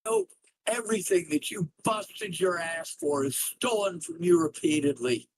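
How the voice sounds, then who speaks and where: A man's voice: sits high, lively intonation, moderate pace, low-quality recording. A man ranting furiously at his viewers during a livestream, anguished and in emotional distress, swearing heavily. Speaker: streamer. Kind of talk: raw livestream rant.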